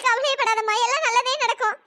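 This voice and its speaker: A voice actor playing a caring, worried old grandmother in a cartoon story, with a pitch-raised processed voice. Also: fairly even intonation, quick pace, bright, forceful tone. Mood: fretful. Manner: soothing, worried, coaxing.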